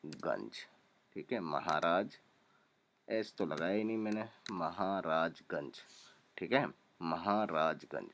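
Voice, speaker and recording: A young man teaching a spelling lesson, calmly spelling out names letter by letter and repeating each one. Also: sits low, slow pace, long pauses, a little hiss or hum.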